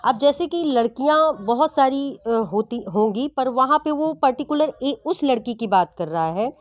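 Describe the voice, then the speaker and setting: A woman's voice: high-pitched, lively intonation, measured pace, no echo. A woman teaching English grammar to exam students, explaining patiently and often checking whether the class follows. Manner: patient, repeats and checks understanding.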